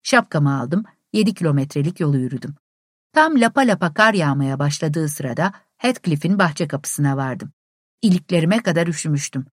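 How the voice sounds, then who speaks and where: Brief: calm female audiobook narrator, expressive pitch, dry studio sound. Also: moderate pace, no room sound.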